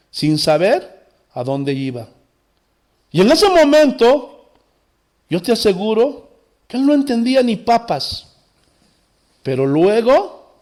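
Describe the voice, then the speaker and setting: Impassioned high-voiced male pastor preaching. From Bolivia. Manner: impassioned preaching, rising to exclamations and dropping low. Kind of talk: sermon.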